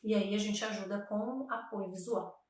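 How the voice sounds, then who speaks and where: A woman's voice: medium pitch, steady tone, far from the mic. Woman speech therapist in an echoey room. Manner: patient, slow syllable-by-syllable demonstrations. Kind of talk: educational explanation to camera.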